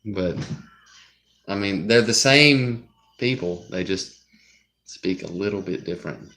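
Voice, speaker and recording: A young man with a Southern US drawl chats on a livestream. His voice sits very low and he talks at an unhurried, slow pace. He rambles and drifts easily off topic. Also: pushed and bright. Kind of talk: casual live-stream chat.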